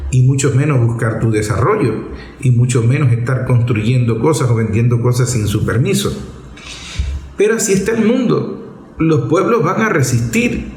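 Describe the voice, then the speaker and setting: With a warm, medium-pitched voice, this Venezuelan host of a political programme delivers emphatic, didactic commentary off the cuff. The recording carries a roomy echo.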